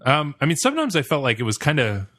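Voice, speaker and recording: A man's voice: on the high side, wildly swooping pitch, quick pace, sharp tone, no echo, clean studio sound. A man co-hosting a music review podcast, talking bluntly and leading the casual discussion. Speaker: podcast co-host.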